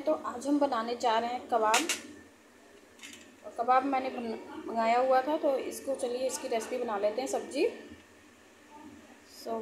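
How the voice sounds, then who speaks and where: A woman's voice: fairly high pitch, distant mic. A woman hosting a home cooking channel, walking through a recipe step by step in a chatty, instructive way while she cooks. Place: home kitchen, indoors. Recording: echoey kitchen, voice from off-mic, loud cooking noise.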